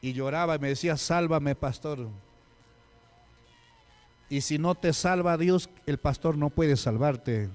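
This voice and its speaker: Fairly high-voiced man preaching. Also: normal speed, few pauses, a little mellow, soft background music. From Peru. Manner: storytelling with acted quotes and questions to the congregation. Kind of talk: sermon.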